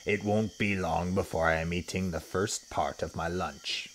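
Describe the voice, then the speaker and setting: A man's voice: low-pitched, fairly even intonation, moderate pace, slight background noise. A man voicing a greedy, boastful male crocodile who mutters and gloats to himself in a read-aloud storybook. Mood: gloating, scheming.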